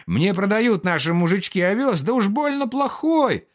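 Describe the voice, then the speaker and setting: A man voicing a polite, gentle country doctor in a storybook reading. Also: high voice, big pitch swings, moderate pace, pitched above the performer's own voice.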